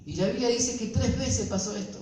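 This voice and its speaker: An Argentine pastor with a high voice preaching in a church, heard from a distance. He keeps throwing rhetorical questions at the congregation. The room echoes heavily and faint noise sits under him. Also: fairly quick, warm tone. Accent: Argentine Spanish. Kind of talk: sermon.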